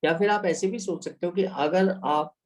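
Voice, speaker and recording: Over poor audio, a man with an Indian accent gives an online chemistry lecture, talking through equations step by step. He blends English phrases into Hindi and checks in with the students. His voice is high and his speed normal.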